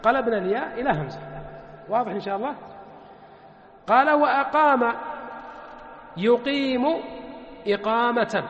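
A man teaching a grammar lesson. He asks the class questions, answers them himself, and draws out word forms slowly. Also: very high voice, a bit bright, muffled recording. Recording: echoey hall.

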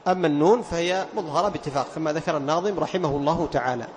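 Male recitation teacher with a high voice, leads a class, drags out example words to demonstrate sounds and asks students for answers. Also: rapid-fire. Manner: quizzes students with questions and praises answers. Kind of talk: classroom lesson on recitation rules.

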